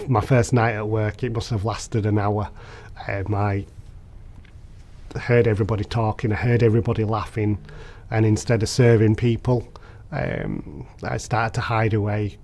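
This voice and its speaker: A man's voice: on the low side, a little mellow. Young man telling his story. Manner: candid, reflective storytelling, acting out remembered exchanges. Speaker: interviewee. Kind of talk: personal story told to camera.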